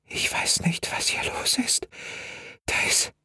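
A man's voice: normal speed, a bit bright, dry recording, clean studio sound, lightly acted. A man voicing a frightened young girl who whispers timidly and cries on an emergency call in a story reading. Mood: scared whisper. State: crying.

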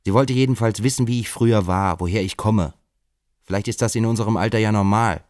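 A man's voice: lowish voice, brisk, darkish tone, dry recording, clean studio sound, voice pushed up, close to an everyday voice. A man reading an audiobook, voicing an unsettled, defensive man who talks in an agitated way.

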